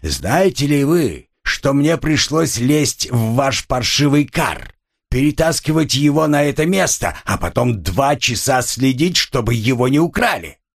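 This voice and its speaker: A giant, gruff city policeman scolds with loud, emphatic bursts and drawn-out words, as a male storyteller acts him out. His tone swings widely as he lectures. Storybook reading. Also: mid-range voice, sing-song, pitched above the performer's own voice, exaggerated voice. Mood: bellowing. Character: huge gruff male Chicago policeman, bellowing.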